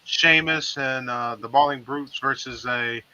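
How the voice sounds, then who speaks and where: A man's voice: medium pitch, measured pace, pushed and bright, no echo, muffled recording. A man co-hosting a podcast, laid-back and chatty, dropping "man" as he talks. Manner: laid-back, enthusiastic about food, uses "man". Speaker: podcast co-host. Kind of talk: casual chat. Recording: remote call into streamed podcast.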